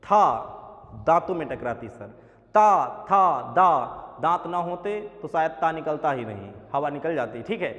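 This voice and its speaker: A man's voice: fairly high pitch, animated, normal speed, big-room sound, highs cut off. A man teaching an exam-prep grammar lesson, saying sounds aloud as examples and calling his viewers sir.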